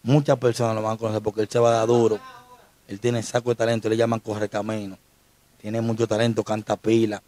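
A man's voice: fairly low pitch, monotone, quick pace, warm tone. A young Dominican man, an interview guest, telling an emotional personal story in slangy street talk. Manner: slangy, repeats street address terms.

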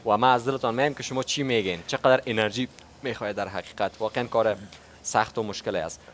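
A man's voice: lowish voice, slight background noise. A man with an Afghan Dari accent hosting a TV game show, chatting with contestants and calling out the countdown. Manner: animated, calls the countdown and cheers contestants on. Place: TV studio with audience.

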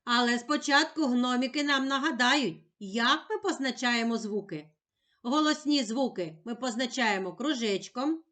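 A woman teacher giving a slow, scripted lesson to young children, drawing out syllables clearly. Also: fairly high pitch, fairly bright tone.

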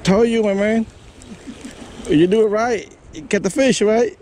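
A fishing vlogger, a man with a high-pitched and slightly slow voice, gives excited live commentary while fishing from a riverbank, talking to himself and repeating words. It was recorded outdoors, with steady background noise throughout.

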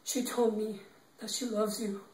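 An actor playing a young man who gently consoles his grieving girlfriend, speaking in a halting, tearful, repetitive way. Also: high voice, little pitch movement. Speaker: actor in an improv demo reel. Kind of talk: improvised dramatic monologue. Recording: roomy, distant from the mic.

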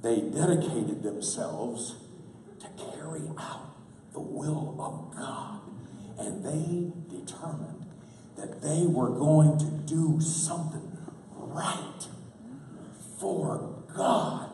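A pastor preaching a folksy, humorous sermon at a church camp, heard from a distance in a large hall. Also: male voice, on the high side, drawn-out words, background noise. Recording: echoey hall from far off.

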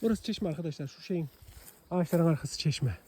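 A man with a high, lively voice vlogs outdoors in the countryside, with faint noise behind him. He speaks tenderly to animals and calls them with long, repeated coaxing cries. Now and then he turns to tell his viewers what is going on. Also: a little fast. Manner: talks affectionately to animals, asides to viewers. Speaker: vlogger. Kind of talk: casual outdoor vlog.

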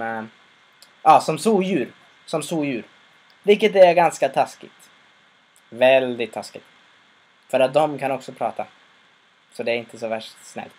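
A man casually retelling a story, rambling with fillers and restarts. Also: medium pitch. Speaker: episode recapper.

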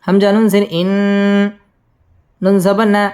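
High-voiced man teaching Quran recitation. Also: level tone, unhurried, darkish tone. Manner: syllable-by-syllable drilling with melodic recitation. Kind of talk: spelling out and chanting Quranic verses.

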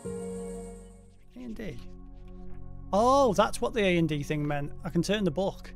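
A man's voice: high voice, lively intonation, takes it slowly, gravelly. A man hosting a let's play, commenting casually on the game with wry, offhand asides. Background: game music.

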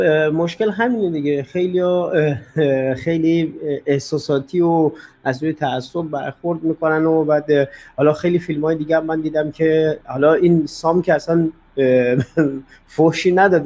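Male caller, somewhat high voice, hesitant, filler-heavy casual talk. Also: mellow.

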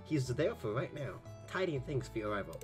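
A man's voice: medium pitch, sing-song, a little fast, close to an everyday voice. A man reading aloud the lines of a friendly female village carpenter from a farming game, plainly in his own voice, with faint game music behind. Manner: reads the dialogue aloud plainly, without a female voice.

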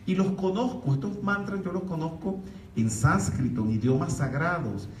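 A man's voice: fairly high pitch, moderate pace. A middle-aged man giving a spiritual lecture to an audience, with the projected voice of a former opera singer and an emphatic delivery. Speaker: metaphysics lecturer. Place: lecture hall in Mexico. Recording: echoey hall, far from mic, faint hiss.

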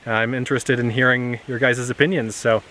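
A man in his thirties casually talking through the items he keeps in his car, with a relaxed, chatty delivery and frequent "uh" fillers, recorded outdoors in a grassy clearing. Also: mid-range voice, brisk. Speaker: vlogger. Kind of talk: casual show-and-tell.

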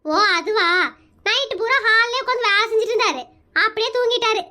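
A sharp-tongued village housewife, as a woman voices her in a cartoon, speaking. Her voice is very high and bright. She talks in a brusque, scolding way, with little patience. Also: fairly quick. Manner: brusque, scolding, matter-of-fact. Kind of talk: cartoon comedy voicing.

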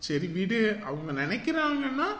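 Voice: mid-range voice, very animated, moderate pace, fairly bright tone. A performer acting a young male fiancé who casually brushes aside his bride's worries. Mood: reassuring. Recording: echoey room.

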